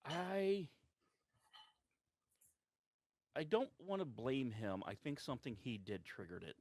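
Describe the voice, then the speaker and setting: A man's voice: mid-range voice, very animated, moderate pace, a little mellow, no room sound, clean studio sound. A man voicing an ancient, sleepy druid in a tabletop game, hesitant and rambling as he thinks aloud. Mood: cautious musing. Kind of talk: improvised in-character tabletop role-play.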